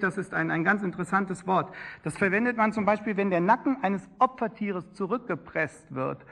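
Male preacher, fairly high voice, emphatic sermon delivery with swelling and dropping phrases. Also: gravelly, fairly bright tone. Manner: emphatic, rising and falling preaching cadence.

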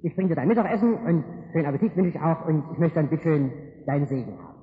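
Guy doing a smooth lying young trickster, glib, high voice, tinny echoey line. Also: lively intonation, fast, slight background noise, close to an everyday voice. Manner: glib, falsely pious. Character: scheming young man, a smooth liar.

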